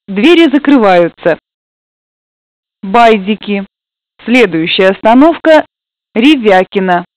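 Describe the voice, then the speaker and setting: A woman's voice: medium pitch, darkish tone, dry recording. Woman announcing stops over a train PA. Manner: measured, formal, evenly spaced phrasing. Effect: commuter train public-address announcement. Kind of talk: recorded station announcements. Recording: dull lo-fi, dry.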